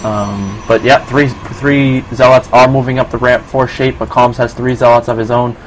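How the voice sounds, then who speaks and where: A man's voice: medium pitch, normal speed, a little hiss or hum, poor audio. New York man casting a game. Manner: relaxed, filler-heavy, casual. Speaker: esports commentator. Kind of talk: solo play-by-play commentary.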